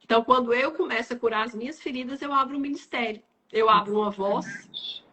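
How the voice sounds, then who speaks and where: A woman's voice: fairly high pitch, a little fast, pushed and bright, a little hiss or hum. A woman host, engaged and reflective in a live religious chat.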